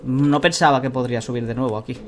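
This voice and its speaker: A man's voice: medium pitch, steady tone, fast. A man in his thirties with a Spain accent comments casually as he plays. His mid-range voice is colloquial and muttered, with noticeable game noise behind it. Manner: colloquial, muttering to himself and viewers. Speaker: let's play host. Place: indoor room at a computer, webcam view. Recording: noisy game sound behind voice.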